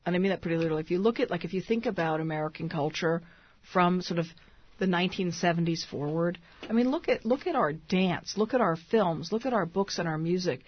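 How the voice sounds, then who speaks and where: A woman's voice: lowish voice, fast, breathy edge. A woman author answering questions in a radio interview, thoughtful and full of restarts. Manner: thoughtful, many restarts and fillers. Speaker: author guest. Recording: dull lo-fi radio sound.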